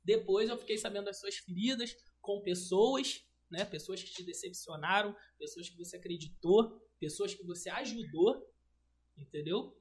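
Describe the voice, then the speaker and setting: A woman's voice: medium pitch, normal speed. A woman, a guest telling a personal story in casual slang and acting out the dialogue. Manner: animated, slangy, acts out quoted dialogue. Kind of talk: emotional personal storytelling on a livestream.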